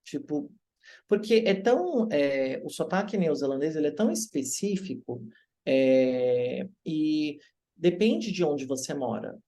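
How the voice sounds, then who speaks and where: In a casual interview, a Brazilian English teacher tells stories in a lively way, acting out the voices of people he quotes. His voice is a little high, and he speaks a little slowly.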